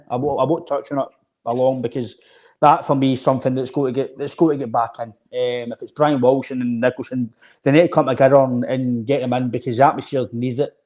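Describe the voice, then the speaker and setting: A man's voice: medium pitch, fairly even intonation, fairly quick, a little mellow. Man giving football predictions. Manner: hesitant restarts, confident predictions. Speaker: podcast co-host. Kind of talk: casual football chat.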